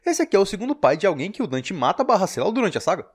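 Brazilian guy doing sarcastic game commentary, kinda high voice, really animated. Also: very fast, music in the background. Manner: sarcastic, exasperated. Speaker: video game critic and narrator. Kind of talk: scripted comedic commentary on a game.

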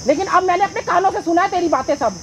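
Woman as an indignant middle-aged mom, very high voice, scolding. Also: fast, over a noisy crowd. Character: outraged middle-aged mother scolding her daughter. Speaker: mother. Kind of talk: staged confrontation skit.

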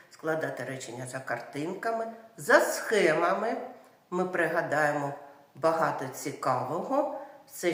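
A woman's voice: on the low side, echoey room. A woman teacher opening a children's lesson with encouraging words. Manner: warm, encouraging address to children.

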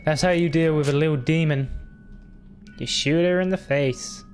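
A man's voice: fairly high pitch, moderate pace, a little mellow, faint music behind. A young man giving cheeky, jokey commentary as a scared horror game streamer, wisecracking through his nerves.

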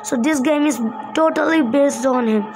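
High-pitched creaky-voiced woman gamer. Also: moderate pace, music in the background. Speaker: gaming video host. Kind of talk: casual gameplay commentary.

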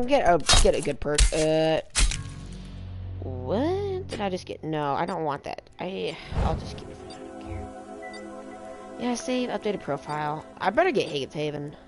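Over game music, a female gamer streamer rambles and swears in casual frustration at her play. She speaks low-pitched and very animated, yet unhurried, pausing often.

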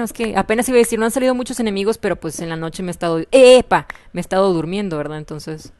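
A woman with a Mexican Spanish accent giving casual, chatty commentary over gameplay and repeating her words often. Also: mid-range voice. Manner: chatty, excitable, repeats herself, frequent laughs. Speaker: gaming video host.

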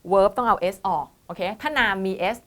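A woman's voice: medium pitch, normal speed, a bit bright. Woman tutor giving an online lesson, patient, explains each step, calls students "child". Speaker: IELTS teacher.

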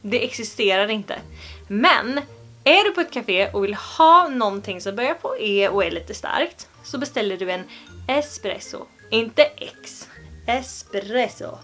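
A woman's voice: medium pitch, animated, sharp tone, soft background music. A young Swedish woman vlogging to camera in a playful, joking way, with exaggerated pronunciations. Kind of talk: casual vlog to camera.

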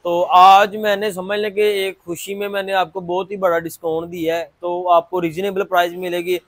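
A young man pitches goods to camera in a high voice. His delivery is fairly even in tone, an insistent, repetitive salesman's patter. The sound is close and dry, picked up on a clip-on mic. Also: normal speed, no room sound. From Pakistan. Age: 20s. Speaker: furniture showroom owner and video host. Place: large indoor furniture showroom. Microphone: clip-on lapel mic.

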